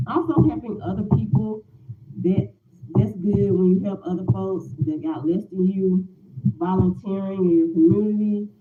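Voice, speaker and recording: This forties-aged lifestyle vlogger has a medium-pitched voice as she chats to viewers in a relaxed morning talk, full of rambling, repetition and fillers. The sound is reverberant, narrow and tinny, with a little hiss or hum.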